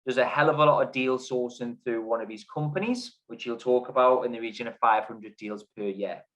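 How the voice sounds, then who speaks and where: A man's voice: medium pitch, fairly even intonation, fairly quick, a bit bright, poor audio. A man hosting a property podcast, chatting casually and laughing easily with his guest. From Newcastle area lived. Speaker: podcast host. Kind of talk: casual interview.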